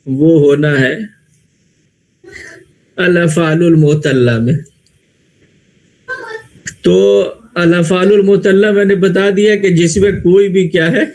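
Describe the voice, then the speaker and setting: A man's voice: on the high side, darkish tone. A man teaching Arabic grammar in Urdu with an Indian Urdu accent, explaining step by step and answering his own questions. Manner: explains slowly, asks questions and answers them himself. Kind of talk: classroom lecture.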